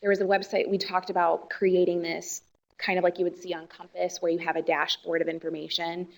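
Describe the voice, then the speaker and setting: A woman's voice: on the low side, flat delivery, a little fast, creaky, rough recording. A woman on the board staff explaining plans at a formal meeting and correcting herself as she goes.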